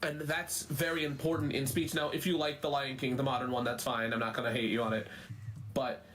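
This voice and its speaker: A young man chatting as a guest, emphatic and quick to cut in with his own points. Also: medium pitch, flat delivery, fairly bright tone, faint music behind. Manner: emphatic, interrupts to make points. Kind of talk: casual chat.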